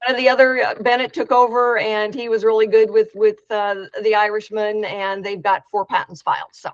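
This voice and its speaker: A woman who organizes an inventors' meetup chats casually and frankly over a video call, with lots of fillers and restarts. Her mid-range voice is level and fairly quick. The dry, dull video-call audio matches the setting.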